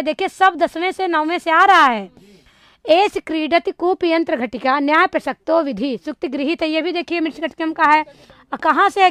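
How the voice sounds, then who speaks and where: A woman's voice: sits high, a bit bright, no echo. A woman teaching Sanskrit, going through a past exam paper. She reads out each question and its options, asks the class what the answer is, and then answers it herself. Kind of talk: exam-prep lecture solving past papers.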